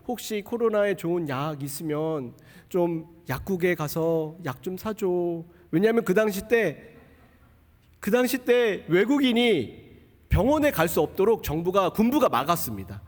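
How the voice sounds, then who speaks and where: A young adult man, a missionary, giving a sermon testimony as a story and acting out the people he quotes. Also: high voice. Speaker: missionary preacher. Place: church sanctuary. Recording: long hall reverb.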